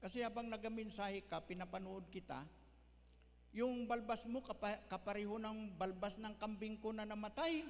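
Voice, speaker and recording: A pastor putting on a tearful old church member. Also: male voice, high voice, moderate pace, long reverb tail, voice pushed up. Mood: earnest.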